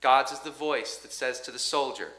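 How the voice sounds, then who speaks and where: A man preaching a sermon as pastor, in a measured, rhythmic way with dramatic pauses and quiet drops. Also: medium pitch. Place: church sanctuary. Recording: echoey church sanctuary.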